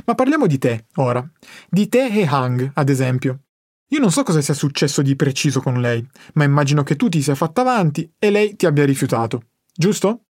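In an audiobook character reading, a man voices a calm, wise older teacher, patient and instructive. His voice is fairly high, with a darkish tone, very animated and fairly quick. The recording is clean studio sound with no room sound.

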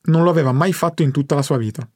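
A man reads a first-person story aloud in a calm, measured way. His voice is a touch higher than most men's. The recording is close and dry. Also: no echo. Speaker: narrator. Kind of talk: first-person audiobook narration.

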